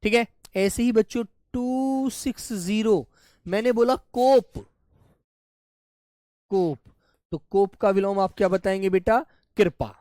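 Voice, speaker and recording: A male teacher running a live online class, who repeats each word slowly, calls the children dear, and drops to a soft low voice when he repeats answers. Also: no echo, clean studio sound.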